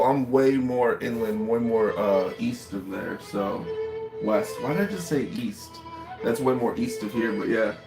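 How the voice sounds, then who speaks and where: A man in his late thirties from the United States livestreams from a restaurant while waiting for his food, rambling casually and reacting to viewers' messages. His medium-pitched voice has vocal fry, the recording is low quality, and faint classical music plays behind.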